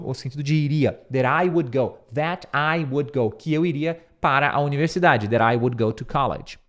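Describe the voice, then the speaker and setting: A middle-aged man giving an English lesson in a voice pitched a little high for a man. He walks through the text line by line, repeating words slowly so learners can copy the pronunciation. He thinks aloud and corrects himself mid-sentence. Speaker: English teacher.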